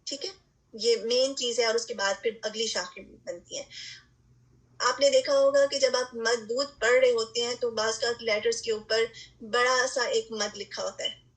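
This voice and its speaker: A woman's voice: a little high, fairly even intonation, rough recording. Patient woman teaching a recitation lesson. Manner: patient explaining, frequent "theek hai" check-ins, English terms mixed in. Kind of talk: online lesson lecture.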